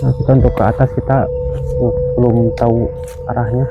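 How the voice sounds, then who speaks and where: A man's voice: mid-range voice, level tone, brisk, creaky. A man on a night ghost-hunt vlog, a companion who asks short questions and drops in religious exclamations. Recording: tinny phone-like audio, loud eerie music. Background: loud music with singing-bowl tones.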